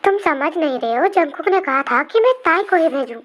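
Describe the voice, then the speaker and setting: A woman's voice: high-pitched, animated, a little fast, loud music behind the voice. A woman voicing an overworked sister-in-law who complains and scolds the family, in a fan storybook reading. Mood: scolding. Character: nagging sister-in-law, busy homemaker.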